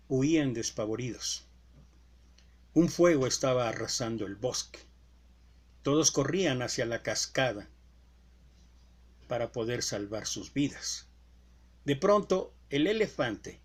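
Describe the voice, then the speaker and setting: A male preacher giving a sermon with deliberate emphasis and rhetorical questions. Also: mid-range voice.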